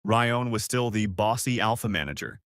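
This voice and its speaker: A man narrating a romance story in an expressive, lively storybook style. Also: on the low side, normal speed, no echo, clean studio sound.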